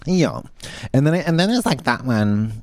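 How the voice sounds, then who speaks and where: A man's voice: medium pitch, sing-song, moderate pace, a little mellow, no room sound, clean studio sound. A man co-hosting a podcast in casual chat, campy and playful, slipping in and out of silly voices. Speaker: podcast co-host.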